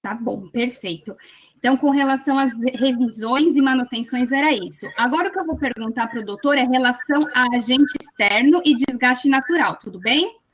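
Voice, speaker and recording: A woman's voice: sits high, a little fast. A woman lawyer questioning an expert witness in a formal, persistent manner over a video call.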